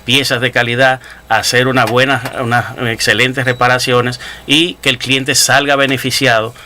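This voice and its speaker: A man, a guest running a car service business, explaining at length with many pauses and fillers in a casual interview. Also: medium pitch, flat delivery, bright, forceful tone, a little hiss or hum. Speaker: auto service company president, guest.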